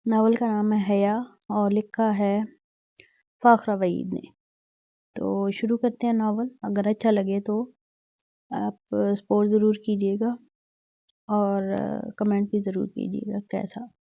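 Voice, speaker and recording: A woman reading a novel aloud in a steady, even storytelling manner after greeting her channel's audience. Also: mid-range voice, slow pace, creaky, dry recording. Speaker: audiobook narrator. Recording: dull dry recording.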